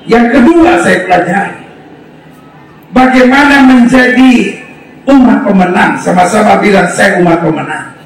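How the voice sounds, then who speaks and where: A male pastor preaching a revival sermon to a crowd on an open-air stage, leading call-and-response and often shouting. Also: high-pitched, a little slow, distant mic. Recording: very echoey open-air PA, from afar.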